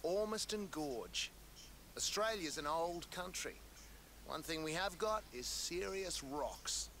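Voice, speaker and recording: Slow, bright-voiced male landscape guide. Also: fairly high pitch, animated, slight background noise, exaggerated voice. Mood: admiring. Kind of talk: scripted game dialogue.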